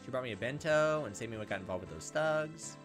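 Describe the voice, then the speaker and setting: A let's player of medium pitch reads a visual novel at a quick pace, his intonation lively, while music plays behind him. His asides are casual and sometimes profane as he reacts to what he reads.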